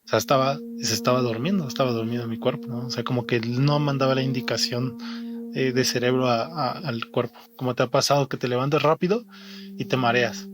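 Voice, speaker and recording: A young man from Mexico, telling his own story in a halting way, often repeating and restarting words. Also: mid-range voice, steady tone. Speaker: interviewed athlete. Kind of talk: personal testimony. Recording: faint music behind the voice.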